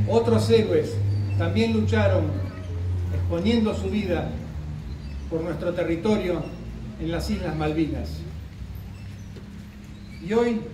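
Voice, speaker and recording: A middle-aged man reading a formal commemorative speech at a podium outdoors, in a measured, solemn delivery with deliberate pauses. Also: sits high, background noise. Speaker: official speaker at a commemoration. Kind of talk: formal speech read from notes. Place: outdoor park gazebo at a ceremony. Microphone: podium microphone, recorded from a distance. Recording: roomy, distant open-air sound.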